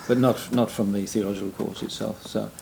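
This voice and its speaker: A Welsh-accented man in his sixties, a retired pastor, looks back on his ministry in a reflective interview, frequently murmuring mm and yeah and giving soft, self-deprecating laughs. His voice is on the low side, steady in tone, a little fast and marked by vocal fry, with slight background noise.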